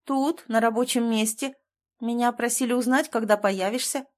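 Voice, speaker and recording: A woman's voice: on the high side, steady tone, moderate pace, lightly acted. A woman reading the lines of a sly, evasive young office woman who tries to sound stern. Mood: curt.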